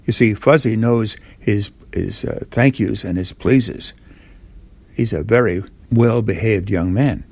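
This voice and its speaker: Speaking slowly in a low, darkish, slightly rough voice without echo, an older man shares a simple bedtime story as if with a small child. He repeats things and poses questions to the child as he goes.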